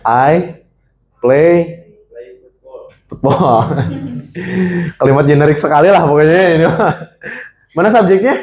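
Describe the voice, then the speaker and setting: This is a young man from leading a college seminar session, speaking into a handheld microphone. His voice sits slightly high for a man. He teaches in an animated, interactive way and keeps quizzing the audience. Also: takes it slowly, pauses often.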